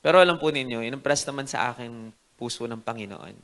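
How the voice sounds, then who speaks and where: A man preaching from the pulpit in an earnest, courteous way. His voice sits at an ordinary middle pitch. He slips into English and pauses on soft fillers as he works through his thoughts. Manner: switches between Filipino and English, polite and earnest with frequent fillers. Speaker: pastor. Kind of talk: sermon with opening prayer.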